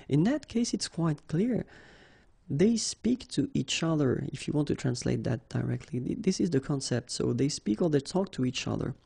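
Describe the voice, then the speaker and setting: A man's voice: a little high, gravelly, dark tone, breathy edge. A man with a French accent and French as his first language, teaching a grammar lesson in a patient, explanatory way. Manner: patient, explanatory, says "okay" often.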